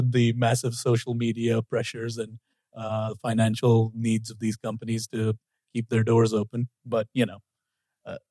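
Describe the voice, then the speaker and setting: A man co-hosting a casual podcast, chatty and easygoing, with frequent little laughs. His voice is mellow and dark-toned. The sound is dry and close, with no room in it. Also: medium pitch, no room sound. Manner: laughs often, relaxed and chatty. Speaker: podcast co-host.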